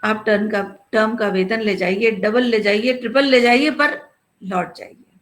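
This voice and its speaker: A woman's voice: medium pitch, steady tone, a little slow, lightly acted. A woman voicing a desperate male prime minister who insists and pleads. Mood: insistent.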